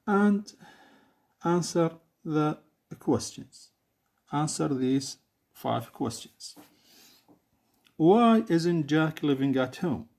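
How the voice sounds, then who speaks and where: A man's voice: a little high, a little mellow. A man teaching an English lesson in a Saudi Arabic accent, an Arabic speaker who hesitates with many fillers and repeats each phrase.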